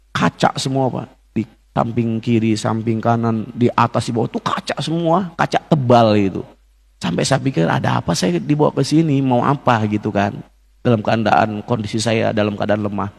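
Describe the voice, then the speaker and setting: A man's voice: mid-range voice, creaky. A male Indonesian preacher giving a mosque sermon, telling an emotional personal story and often addressing the men listening directly.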